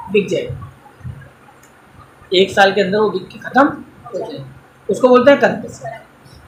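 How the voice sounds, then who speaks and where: A man's voice: sits high, reverberant, slight background noise, low-quality recording. A man teaching an accounting class in a coaching centre, lecturing in a mix of Hindi and English and quizzing students with everyday examples.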